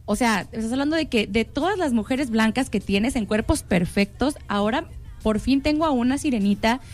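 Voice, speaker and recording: A woman's voice: fairly high pitch, normal speed, darkish tone, soft background music. A young woman with a Mexican accent, co-hosting a casual panel chat in an earnest tone and repeating words as she thinks. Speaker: podcast co-host.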